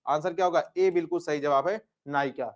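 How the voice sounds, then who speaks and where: A man's voice: fairly high pitch, a little fast. A male Hindi grammar teacher working through exam questions, repeating each answer and asking and then answering his own questions. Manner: repeats answers, asks "क्या?" and answers himself; calls students affectionate nicknames.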